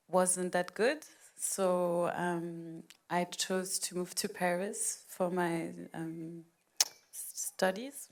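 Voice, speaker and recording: A woman in her thirties from Rwanda, speaking as a panel guest in a reflective, hesitant way with frequent pauses and laughs. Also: medium pitch, clean tone. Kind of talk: panel conversation.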